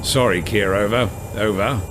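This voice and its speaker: A man doing a low-voiced air traffic controller on a walkie-talkie. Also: normal speed, a bit bright. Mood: formal. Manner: formal radio protocol, apologetic. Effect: over a walkie-talkie radio. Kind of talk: comedy sketch radio chatter.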